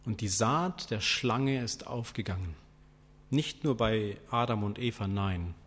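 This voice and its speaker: A man preaching a sermon, asking rhetorical questions in a deliberate, questioning way. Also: fairly low pitch, fairly bright tone, breathy edge. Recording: long hall reverb.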